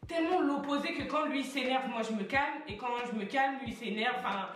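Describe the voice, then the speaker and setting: A young woman with a slightly high voice tells a personal story in casual, slangy talk, playing out each quoted line. She sits a little back from the mic. Her voice rings in a very echoey room. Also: fairly quick, far from the mic, a little hiss or hum. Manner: animated, acts out quoted dialogue, slangy. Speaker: vlogger telling her birth story.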